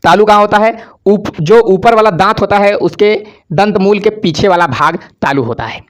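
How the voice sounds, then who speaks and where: A man's voice: high voice, moderate pace. A male teacher giving a grammar lesson for exam preparation, asking questions and answering them himself, and having students repeat sounds after him.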